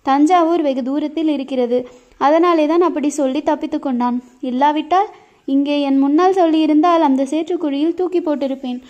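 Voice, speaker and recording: A bold young boatwoman with a sharp tongue, tossing off mocking retorts, as a woman reads her lines. Her voice is high and mellow over a dull, lo-fi recording. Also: natural voice. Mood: tart. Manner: mocking, quick-witted retorts.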